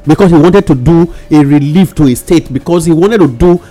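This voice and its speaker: A man's voice: on the high side, a little fast, dark tone, faint music behind. A Nigerian man giving casual, emphatic radio commentary in English mixed with Nigerian Pidgin, often repeating himself as he goes. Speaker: radio talk show panellist.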